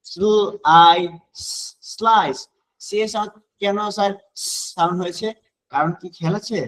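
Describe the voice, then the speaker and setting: Brief: male phonics teacher, slightly high voice, drills letter sounds one by one, quizzes himself aloud. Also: a bit bright, low-quality recording. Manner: sounds out letters slowly, syllable by syllable; asks and answers his own questions. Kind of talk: online phonics lesson for children.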